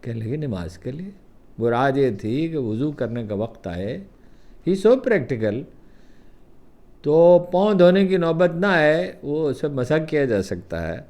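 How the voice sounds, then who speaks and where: An older man with a Pakistani Urdu accent tells stories from memory. His fairly high voice rises and falls a great deal as he acts out what others said. His delivery is unhurried and conversational. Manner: lively anecdotal telling with acted-out quotes. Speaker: columnist recounting memories. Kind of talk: storytelling anecdotes.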